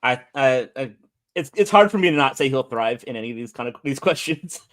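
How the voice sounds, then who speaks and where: A man's voice: medium pitch, lively intonation, brisk, a bit bright. A man with an American accent chatting casually as an interview guest, often repeating words as he thinks. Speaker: podcast guest, soccer fan.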